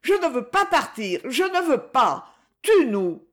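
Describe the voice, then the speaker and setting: A reader voicing a desperate young woman who pleads and sobs in a high, tearful voice, in a French audiobook. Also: huge pitch swings, a little slow. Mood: pleading. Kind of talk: audiobook character voice.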